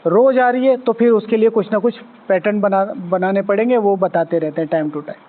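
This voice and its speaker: High-voiced man teaching a spiritual class. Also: moderate pace, a little hiss or hum. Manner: conversational, asks the audience, acts out little quoted scenes. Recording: tinny phone-like sound.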